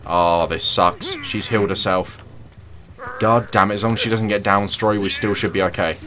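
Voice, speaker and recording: A man's voice: lowish voice, fairly even intonation, moderate pace. A young man casually commentating his own gameplay, chatty and jokey, sometimes teasing the other players. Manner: chatty, jokey, taunts opponents in a sing-song voice. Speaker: gaming channel host.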